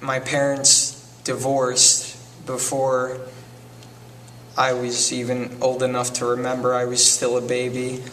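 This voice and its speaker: Slow, monotone teenage man. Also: medium pitch, far from the mic, a little hiss or hum. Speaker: interviewee. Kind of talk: documentary testimony.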